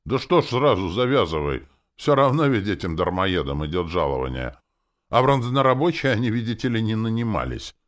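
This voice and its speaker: A man's voice: on the low side, big pitch swings, a little fast, pitched above the performer's own voice. A man voicing a flippant, smirking male gambler.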